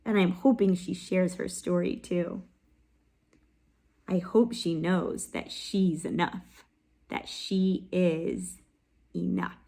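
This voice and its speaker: A woman with a lowish voice and vocal fry reads a picture book aloud for children, keeping her intonation fairly even though her reading is expressive. Sitting close to the mic, she pauses for questions to her listeners and occasionally whispers softly.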